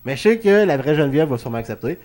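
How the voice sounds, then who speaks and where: A man's voice: fairly high pitch, lively intonation, rapid-fire, a little mellow. A man with a Quebec French accent hosting a wrestling talk show in a casual, joking, chatty way. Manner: informal, joking. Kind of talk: casual studio chat.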